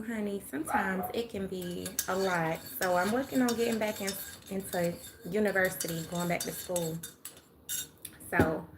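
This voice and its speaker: An older Southern woman from Atlanta, Georgia, hosts a phone livestream from a sunlit room at home, chatting casually with viewers in a folksy, talkative way. Her voice sits in the mid-range and sometimes drops to a murmur, with noise in the background.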